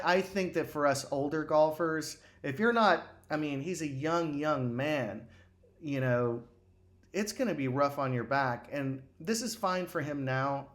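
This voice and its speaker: A middle-aged man of middle pitch talks as a golf instructor going over swing footage. He is enthusiastic and rambling, full of fillers and restarts as he reacts. His commentary sounds unscripted.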